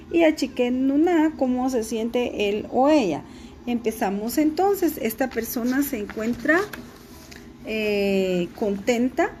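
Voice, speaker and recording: A woman teacher giving a recorded class lesson, speaking slowly and deliberately and spelling out pronunciation for her students. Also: sits high, dark tone, slight background noise. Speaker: language teacher.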